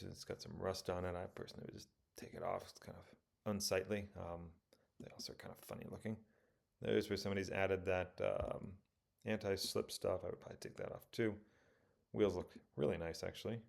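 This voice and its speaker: Casting: male reviewer, deep gravelly voice, loose self-correcting commentary. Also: a little mellow. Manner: rambling, self-correcting, many ums. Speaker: car auction reviewer. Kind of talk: casual commentary over photos.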